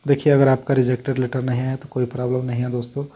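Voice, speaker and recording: A man's voice: medium pitch, completely flat delivery, rapid-fire, warm tone, slightly rough. A man hosting a casual talk in which he answers viewer questions. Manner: conversational, repeats "dekhiye" and "dosto" often. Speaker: host answering viewer comments.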